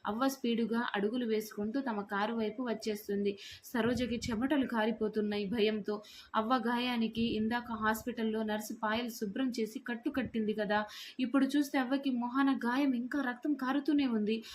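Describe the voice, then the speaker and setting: A woman at home telling a horror story aloud in an expressive, dramatic reading manner. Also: on the high side, normal speed. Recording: faint background noise.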